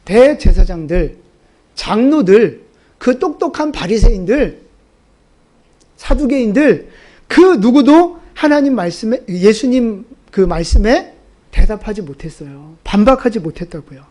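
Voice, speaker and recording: A man with a high voice preaching a sermon. He asks the congregation direct questions and repeats his key points with emphasis. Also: sing-song, unhurried, dark tone. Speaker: pastor.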